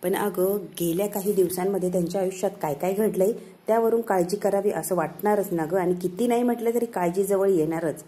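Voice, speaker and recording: A grown son reasons gently with his grandmother in a quiet, mellow voice, as a woman retelling a TV serial puts him on. He sounds patient and concerned. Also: medium pitch, brisk, lightly acted. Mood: reasoning. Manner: gentle, reasoning, softly spoken.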